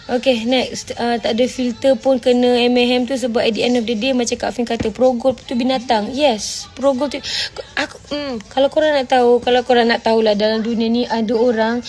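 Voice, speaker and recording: A woman with a Malaysian Malay accent answers viewer comments bluntly on a casual livestream, mixing Malay and English as she scolds her audience and keeps asking "faham tak?". Her voice is a little high and slightly mellow.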